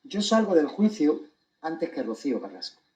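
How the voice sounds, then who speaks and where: A man with a slightly high voice and a Spanish accent from Spain addresses his audience in a monologue. He is deliberate and emphatic, setting key phrases apart with pointed pauses. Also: big pitch swings, darkish tone, low-quality recording. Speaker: commentator giving his account of a court case.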